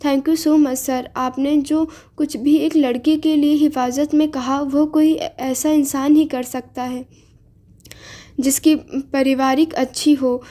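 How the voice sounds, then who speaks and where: A woman voicing a bold, mischievous young woman who scolds loudly and cheekily. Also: high voice, little pitch movement, takes it slowly. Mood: sweet.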